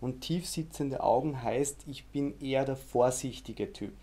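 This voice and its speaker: Guy explaining stuff calmly, lots of ähms, middle pitch. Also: a little slow. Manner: steady, instructive, many fillers. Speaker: face-reading trainer and guest. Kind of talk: explanatory interview talk.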